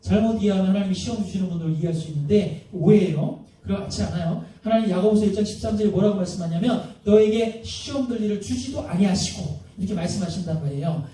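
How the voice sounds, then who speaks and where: A man's voice: sits high, fast talker, mellow. A male pastor preaching a sermon in a conversational way, peppering the congregation with rhetorical questions, recorded from a distance in an echoing church hall. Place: church sanctuary.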